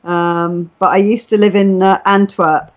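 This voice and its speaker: On a live stream, a woman chats casually, telling stories and explaining things in a mid-range voice with flat delivery at a measured pace. She's a native English speaker, and the audio is dull lo-fi internet chat quality.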